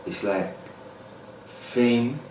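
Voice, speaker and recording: A man's voice: medium pitch, drawn-out words, a little mellow, very echoey, distant mic, a little hiss or hum, rough recording. A man hosting a podcast in a casual interview, easygoing, with frequent fillers like "like" and "yeah.". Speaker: podcast host.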